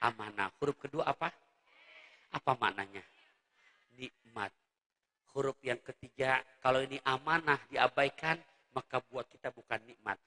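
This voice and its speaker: A male preacher delivers a jokey religious lecture aimed directly at the mothers in his audience, swinging from soft asides to shouts. His voice is medium-pitched, his pace moderate with long pauses, and the recording has a big-room sound.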